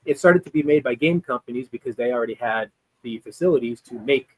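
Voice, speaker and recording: A man with a mid-range voice talks quickly as a guest expert, explaining history in a casual, conversational chat full of ums and restarts. The recording is dry and rough.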